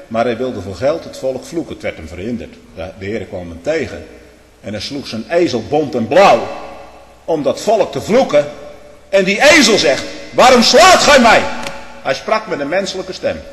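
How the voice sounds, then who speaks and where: A man giving a fervent religious testimony. He swings from loud outbursts to hushed tones and keeps throwing in tag questions. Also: on the high side. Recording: echoey hall with long reverb.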